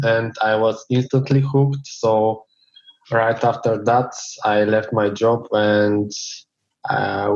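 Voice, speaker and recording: Flat-voiced man, muffled audio. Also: medium pitch. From Bulgaria. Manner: measured, flat delivery with some stumbles. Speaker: tech lead guest. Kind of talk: interview answers.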